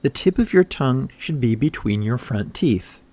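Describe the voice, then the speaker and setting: A man narrating a scripted pronunciation drill in a measured, carefully enunciated way. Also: medium pitch, expressive, dark tone.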